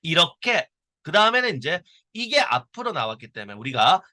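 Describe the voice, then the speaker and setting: A middle-aged man gives a grammar lesson for high school students, reading English examples slowly and demonstrating how they are pronounced. His voice sits a little high, is bright and rises and falls a lot. The recording is dry and close. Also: sing-song, no echo. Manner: explanatory, reads English lines slowly, demonstrates pronunciation.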